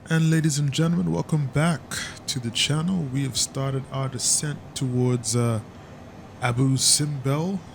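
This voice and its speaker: A man's voice: mid-range voice, steady tone, measured pace, gravelly, background noise. A man giving casual, chatty commentary over a flight simulator session, stumbling now and then with fillers. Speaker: flight sim YouTuber.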